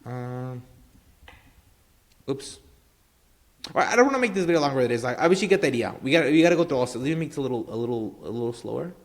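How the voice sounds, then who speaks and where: A man's voice: medium pitch, lively intonation, fast, pauses often. Rambling casual tutorial guy. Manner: rambling, filler-heavy, keeps saying obviously and right. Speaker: marketing tutorial host. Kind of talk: casual screen-share tutorial.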